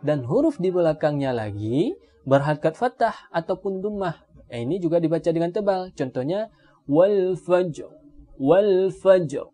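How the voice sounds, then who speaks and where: A man with an Indonesian accent teaching a Quran recitation lesson, calmly explaining rules and slowly drawing out example words. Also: fairly high pitch. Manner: slow drawn-out Arabic demonstration words between calm explanation. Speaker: tajwid teacher.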